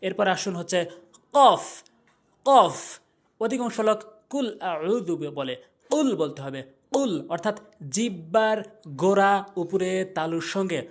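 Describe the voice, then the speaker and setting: A man teaching Quran pronunciation, explaining where each letter is formed and repeating the sounds slowly to demonstrate them. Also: sits high. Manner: slow and repetitive, demonstrating each letter sound several times. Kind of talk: step-by-step pronunciation lesson.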